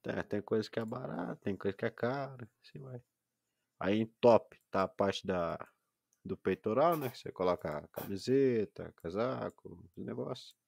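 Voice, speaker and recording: A man's voice: lowish voice, normal speed, vocal fry, darkish tone, husky, dry recording. A man streaming a game, patiently explaining the menus to a friend step by step. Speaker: gaming livestreamer. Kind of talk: casual gaming stream chat.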